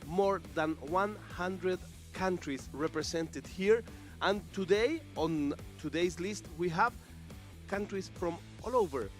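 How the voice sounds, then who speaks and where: A man commentating live at an esports event. He talks with a lot of enthusiasm and repeats himself, and his phrasing sounds slightly non-native. Soft music plays in the background. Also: sits high, slow. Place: esports tournament venue.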